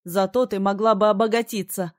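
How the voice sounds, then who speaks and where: A woman reading an audiobook, voicing a good-natured, gently teasing young male friend in a lowered, altered tone. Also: fairly even intonation, brisk, natural voice.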